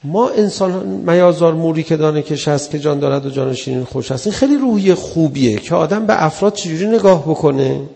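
A man's voice: fairly high pitch, animated, gravelly, hardly any pauses, warm tone, in a large hall. A man giving an earnest religious sermon in a conversational way, acting out the people he quotes. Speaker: preacher.

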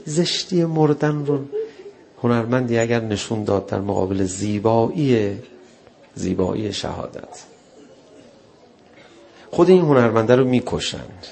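A man preaching a mourning sermon, telling the story in an impassioned way that swells into loud, tearful cries. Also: mid-range voice, expressive, vocal fry, pauses often. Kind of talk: mourning sermon with recited narrative.

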